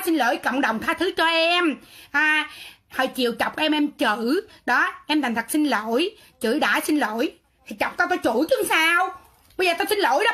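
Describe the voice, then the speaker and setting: A woman's voice: high-pitched, sharp tone. A woman with a Southern Vietnamese accent ranting on a livestream, defiant and sarcastic, talking back in a quarrelsome way. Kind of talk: livestream rant.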